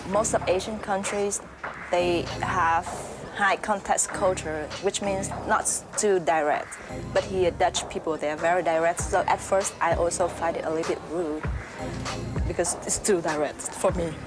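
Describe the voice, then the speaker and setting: A woman's voice: lowish voice, steady tone, normal speed, over music. A female student speaking plainly in a video testimonial.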